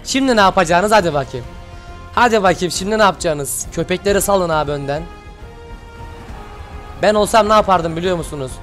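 A man hosting his channel, giving excited reaction commentary and shouting at the screen in casual slang. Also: high voice, fairly quick, long pauses, soft background music. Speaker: channel host reacting to an animation.

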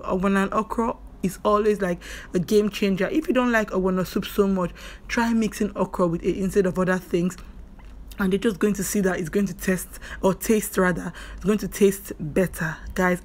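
A young adult woman with a Nigerian accent, chatting excitedly in a home video blog and often repeating herself. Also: medium pitch, moderate pace. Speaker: vlogger. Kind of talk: casual chat.

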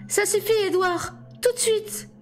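A woman reading aloud voices a young female vampire seer in a raised, pressing, insistent tone. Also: normal speed. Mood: urgent. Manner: high, pressing, insistent calls.

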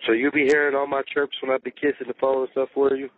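A man's voice: medium pitch, level tone, fast. A man calling from jail, telling stories in casual, profane slang. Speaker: jail inmate on a phone call. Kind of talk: casual phone chat. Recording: tinny jail phone line.

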